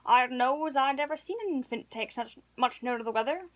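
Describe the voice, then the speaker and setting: Doleful old countryman in his seventies, rustic dialect, slow and gloomy; read by a woman with a high voice. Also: fairly bright tone, rough recording. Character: doleful, pious old male villager, seventies.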